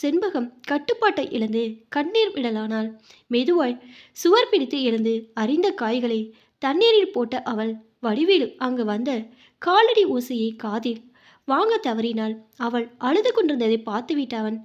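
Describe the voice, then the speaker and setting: High-voiced woman reading a story. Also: big pitch swings, unhurried, dull audio. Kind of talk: scripted story narration.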